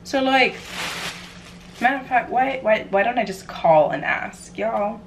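Here the New York vlogger, a young adult American woman, sounds a little high and animated but speaks a little slowly, and the audio is poor. She chats playfully and chaotically to the camera in her home kitchen for a casual cooking vlog. Clear background noise and room ambience come through.

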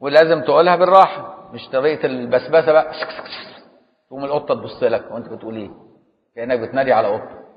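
A man's voice: mid-range voice, very fast. A man with an Egyptian Arabic accent giving a colloquial religious lesson, explaining patiently and often asking whether his listeners follow. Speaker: Islamic scholar teaching jurisprudence. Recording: dull audio with long hall reverb.

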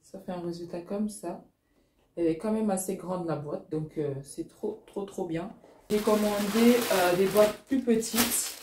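A woman's voice: mid-range voice, measured pace. Young woman vlogging, bubbly and rambly, lots of ums, echoey room with crinkly packaging noise. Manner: chatty and excitable, with many fillers and repeated words. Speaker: small-business vlogger. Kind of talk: casual vlog chat. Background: crinkling packaging and clicks.

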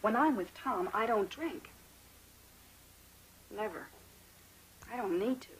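A sardonic, defiant patient. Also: female voice, on the high side, expressive, takes it slowly, a little hiss or hum, low-quality recording. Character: bitter, witty woman in psychiatric ward. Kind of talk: 1970s TV movie acting. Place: hospital ward room.

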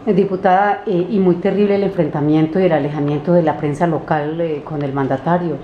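A woman interviewer asking halting questions with many hesitations. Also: sits low, steady tone. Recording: dull, roomy, faint noise.

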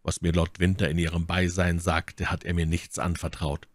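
A man's voice: deep voice, level tone, moderate pace, no echo, clean studio sound. A man reading an audiobook, voicing a stern, pious young officer guard who speaks in a reserved, earnest way.

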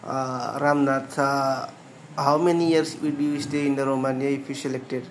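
Flat-voiced male job interviewer. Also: mid-range voice, a little hiss or hum. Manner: brisk, repeats answers back, says okay often.

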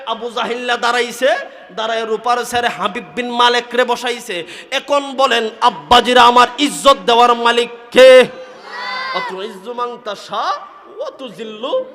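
A man with a Sylheti Bengali accent preaching a sermon at an outdoor religious gathering, shouting with emotion and chanting in a sing-song voice. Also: very high-pitched, long reverb tail.

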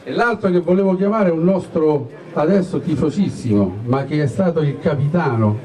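Male event host, fairly high voice, outdoors, heard from a distance. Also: lively intonation, moderate pace, a little mellow. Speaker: master of ceremonies at team presentation. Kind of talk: live public presentation. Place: outdoors at night in an urban open space. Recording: distant, noisy outdoor crowd recording. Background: crowd noise.

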